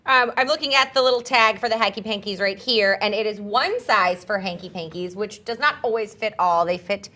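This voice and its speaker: Bright-voiced teasing woman host. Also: mid-range voice, fairly quick, hardly any pauses. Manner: teasing, lively hosting. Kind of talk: casual chat.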